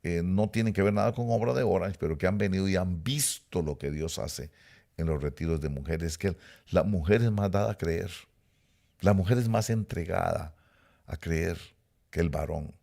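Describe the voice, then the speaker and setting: A man's voice: low-pitched, moderate pace, vocal fry, mellow. A middle-aged man preaching a sermon, emphatic and repetitive, speaking straight to his listeners. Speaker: pastor.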